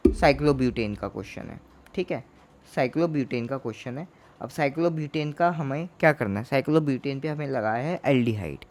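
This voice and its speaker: A man teaching a chemistry lesson in Hindi, asking questions and answering them himself, repeating each term to drill it in. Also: fairly high pitch. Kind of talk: Hindi classroom lecture.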